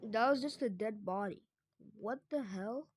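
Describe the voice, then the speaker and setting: A woman improvising comedic game role-play, playful and prone to loud screams. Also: on the high side, unhurried, a little hiss or hum. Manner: playful, screams loudly at mishaps. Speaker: gameplay narrator.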